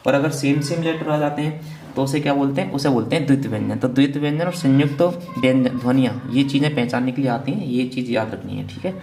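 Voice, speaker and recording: Male teacher, gravelly voice, mid pitch, exam revision lecture; asks and answers his own questions. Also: quick pace, a little mellow, soft background music. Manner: repeats "theek hai na" as a check-in.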